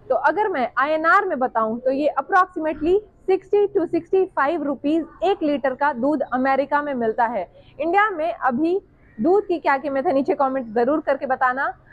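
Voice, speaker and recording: A woman's voice: high-pitched, no echo, highs cut off. A woman in her thirties chattily explaining grocery prices to the camera as a vlogger, recorded with a clip-on mic. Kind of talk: casual vlog narration. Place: large supermarket, indoors.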